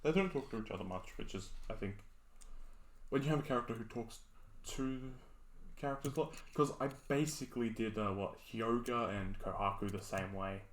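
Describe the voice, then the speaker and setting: A man's voice: medium pitch, brisk. Rambling Australian man, roomy echo. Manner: rambling, laughs often. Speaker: podcast co-host. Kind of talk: casual chat.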